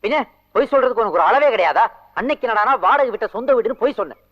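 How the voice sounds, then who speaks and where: An actor playing an exasperated friend who scolds in rapid, sarcastic bursts. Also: male voice, extremely high pitch, expressive, highs cut off, full character voice. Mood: scolding. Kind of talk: film drama dialogue.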